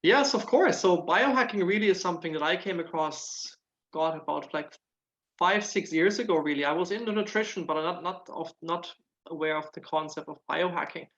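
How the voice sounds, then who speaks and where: A German man with a slightly high, somewhat bright voice speaks at normal speed, his accent carrying a trace of Irish. As a nutritional therapist guesting on an interview, he answers casually but earnestly, often repeating words while searching for the right one. The recording sounds muffled.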